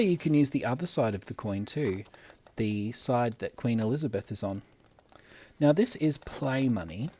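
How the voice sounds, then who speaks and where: A young man, a primary school teacher, gently talking children through a drawing step by step. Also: medium pitch, a little hiss or hum. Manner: gentle, unhurried, talks while drawing. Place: classroom at school.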